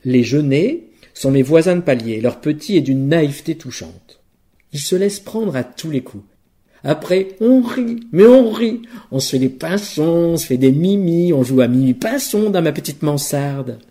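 A man delivering an absurd comic monologue full of puns in a deadpan way. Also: normal speed. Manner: deadpan wordplay delivery, lively pitch.

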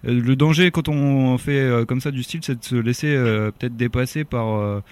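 A man hosts a radio interview. He asks long, winding questions and pauses with fillers as he looks for the right word. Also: medium pitch, a little mellow. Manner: hesitant, searching for words. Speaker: radio show host.

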